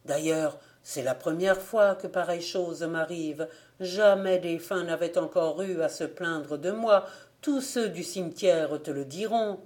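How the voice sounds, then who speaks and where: A hollow, cavernous ghost of a dead man, as a woman reader puts him on, speaking low, slow and grave. His words come reproachful and heavy, as in a spoken storybook. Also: darkish tone, lightly acted.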